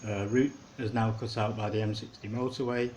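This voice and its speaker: A man's voice: fairly low pitch, flat delivery, fairly quick, a little mellow, slight background noise, low-quality recording. A man, giving rambling, casual commentary as he walks along a city canal. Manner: rambling, chuckling asides. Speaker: canal walk video maker.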